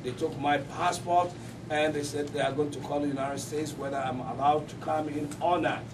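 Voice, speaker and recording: Halting man, distant mic. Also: fairly high pitch, steady tone. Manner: halting, repeats words. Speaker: press conference speaker. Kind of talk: personal testimony at a press conference. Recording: distant mic with clear room noise.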